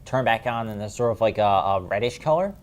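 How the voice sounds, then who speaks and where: A man's voice: fairly low pitch, lively intonation, brisk. A man narrating a tabletop game as game master, describing scenes in a rambling way with many fillers.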